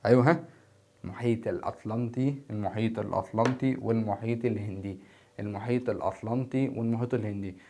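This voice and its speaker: Filming at four in the morning in front of a camera, a weary male teacher with an Egyptian Arabic accent rushes through a geography lesson for exam prep. His medium-pitched voice is slightly mellow, and he keeps repeating key terms and posing questions he then answers himself.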